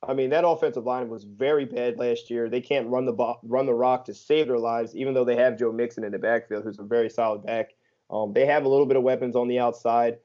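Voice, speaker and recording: A man co-hosting a sports podcast, talking in a loose, joking way with plenty of filler words. His pitch sits in the middle, and the recording has a dull, lo-fi sound. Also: dark tone. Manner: joking and teasing, lots of ums and filler. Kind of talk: casual sports chat.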